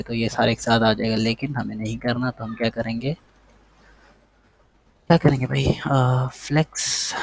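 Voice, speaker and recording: Male coding tutor, medium pitch, monotone delivery, casual think-aloud style. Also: vocal fry. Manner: thinks aloud while typing, repeats words, talks to the code. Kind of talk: casual screen-share coding lesson.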